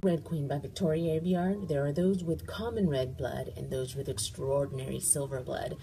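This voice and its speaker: A woman's voice: sits low, fairly even intonation, moderate pace, mellow, slight background noise, poor audio. A woman giving a short, punchy book talk.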